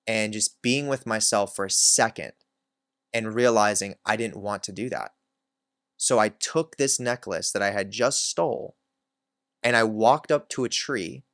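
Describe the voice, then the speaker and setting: A man's voice: on the low side, a little slow, fairly bright tone, no room sound, clean studio sound. A man hosting his own channel, candidly telling a personal story in a reflective way, with many filler words. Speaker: self-help channel host.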